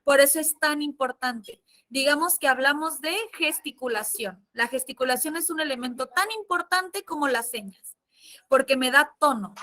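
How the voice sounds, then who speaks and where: A Mexican woman, a sign language interpreter, teaching a casual class in an expressive, chatty way. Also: sits high, normal speed. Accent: Mexican Spanish. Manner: lively, expressive, chatty with fillers.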